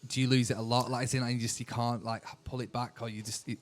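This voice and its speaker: A man's voice: mid-range voice, little pitch movement, fast talker. A man hosting a podcast, asking eager, rambling questions in casual chat. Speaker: podcast host.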